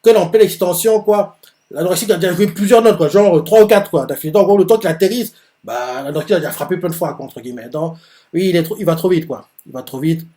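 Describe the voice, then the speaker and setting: A man's voice: sits high, fast, warm tone. A man casually recapping and explaining manga chapters in a rambling way, with lots of filler words. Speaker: manga reaction host. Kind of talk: casual manga reaction commentary.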